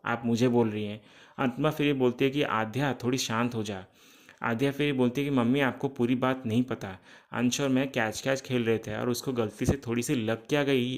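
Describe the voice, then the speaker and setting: A man narrating a TV serial recap in a casual tone, reporting each character's lines in turn, with occasional restarts mid-word. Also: mid-range voice.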